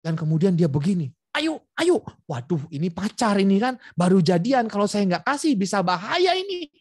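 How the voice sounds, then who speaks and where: A man with a high, husky voice speaks briskly, recorded dry over a video call with no room sound and a close feel. He's a preacher at an online prayer meeting telling a personal story with lively energy, acting out the dialogue between people and often addressing his listeners directly.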